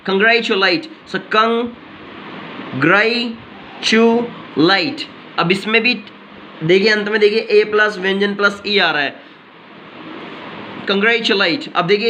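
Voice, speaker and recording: A man's voice: high-pitched, pushed and bright, slight background noise. A man teaching English pronunciation with an Indian English accent, explaining step by step and repeating each word, switching between Hindi and English. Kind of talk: pronunciation lesson.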